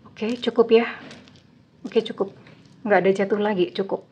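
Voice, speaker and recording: A woman's voice: medium pitch, steady tone, normal speed, mellow, breathy edge. A woman giving a casual tarot reading to her viewers, talking in a chatty, teasing way with loose everyday slang. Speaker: tarot reader. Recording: slightly dull lo-fi sound.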